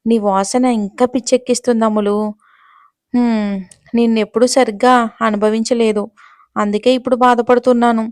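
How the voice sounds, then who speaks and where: A man's voice: very high voice, little pitch movement, moderate pace, long pauses, a little mellow, clean tone, no room sound, clean studio sound. A woman doing a menacing possessive ex-husband. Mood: coaxing. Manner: menacing, bullying. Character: domineering possessive rich ex-husband, young man. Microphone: close mic, dry sound.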